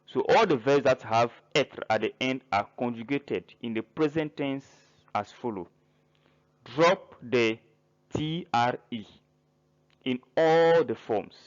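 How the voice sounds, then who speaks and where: A man teaching a French grammar lesson in English, listing verbs slowly and spelling out word endings letter by letter. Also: mid-range voice, highs cut off. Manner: spells words out letter by letter, pauses between listed verbs. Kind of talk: slow grammar lesson narration.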